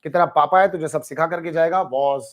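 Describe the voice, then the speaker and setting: A man's voice: fairly high pitch, fairly quick. A man hosting a casual live stream, reading viewer comments and talking over a reality show while mixing in English phrases. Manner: animated, mixes Hindi with English phrases, addresses chat by name.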